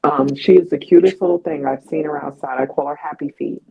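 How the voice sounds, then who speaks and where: A woman co-hosting a podcast in casual chat, telling stories in an animated way with a husky voice. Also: low voice, a little fast, narrow, tinny audio, crowd noise. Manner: animated storyteller. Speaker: podcast co-host.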